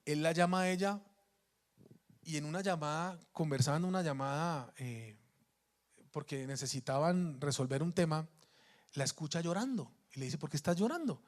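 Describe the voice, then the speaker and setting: High-voiced man preaching a story. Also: moderate pace, pauses often. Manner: storytelling, emphatic, with frequent restarts. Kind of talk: sermon.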